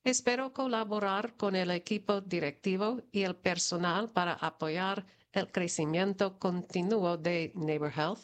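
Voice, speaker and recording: A woman reading news items in Spanish-language community news, in an even, measured delivery of prepared copy. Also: medium pitch. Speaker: news reader. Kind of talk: read news report.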